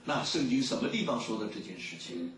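Animated male preacher in an echoey hall. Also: mid-range voice, slight background noise. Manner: lively storytelling, many drawn-out fillers. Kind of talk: sermon with Bible reading. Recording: echoey room, mic at a distance.

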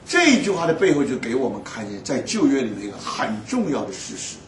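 A man preaching a sermon, telling stories in an animated way and laughing often. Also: mid-range voice, a little fast, a little hiss or hum. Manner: animated storytelling with frequent laughs. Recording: echoey hall, voice from far off.

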